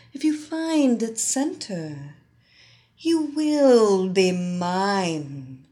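A woman voicing a commanding blonde witch who hypnotizes with a soft, mesmerizing voice. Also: medium pitch.

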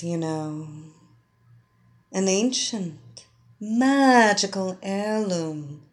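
A woman voicing a commanding blonde witch who hypnotizes with a soft, mesmerizing voice. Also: a little high.

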